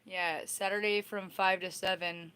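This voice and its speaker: A woman in her thirties hosts a casual livestream, rambling and chatting directly to her viewers. Her voice is medium-pitched, steady, a little slow, slightly bright and smooth.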